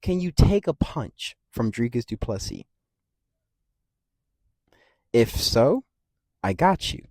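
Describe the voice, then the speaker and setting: A man hosting a casual fight-prediction rant, rambling and swearing freely, with big jumps in loudness. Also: mid-range voice, sing-song, unhurried, no room sound, studio quality. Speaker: MMA commentary channel host.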